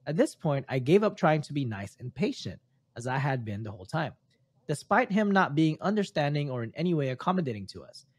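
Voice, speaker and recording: Reading a story on his podcast, a man who isn't a native English speaker stumbles now and then. His fairly high voice swings widely in pitch and moves briskly with a breathy edge. No echo is audible.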